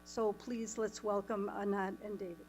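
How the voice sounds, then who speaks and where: A woman's voice: mid-range voice, flat delivery, normal speed, loud music behind the voice. A woman moderating a panel, introducing the speakers from their bios with small fillers and restarts.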